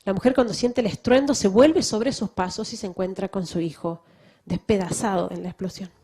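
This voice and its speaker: Her voice is medium-pitched, warm and slightly rough, and she speaks briskly. A woman missionary, she gives an emphatic testimony full of rhetorical questions in a public talk to a church audience.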